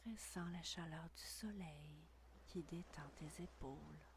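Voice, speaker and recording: A woman whispering a guided meditation intimately, right by the ear, in a breathy, soothing, unhurried voice with long pauses. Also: low voice, slight background noise. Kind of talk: guided meditation, scripted narration.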